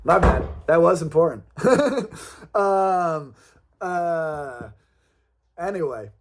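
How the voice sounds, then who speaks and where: A man's voice: fairly high pitch, animated, very slow. A man hosting a casual livestream roundup of a game league, rambling and joking with many ums and uhs.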